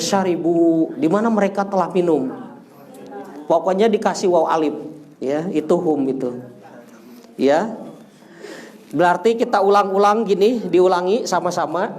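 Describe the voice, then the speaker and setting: A man's voice: high-pitched, animated, a little slow, pauses often, darkish tone. A man teaching an Arabic lesson, patiently drilling vocabulary in a sing-song tune and chuckling as he corrects. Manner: jokes and chuckles while correcting. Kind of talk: classroom lesson.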